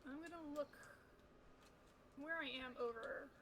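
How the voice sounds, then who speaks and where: A woman's voice: high-pitched, measured pace, a bit bright. A woman playing a tabletop game, describing her character's actions hesitantly. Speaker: player. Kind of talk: tabletop role-play with friends.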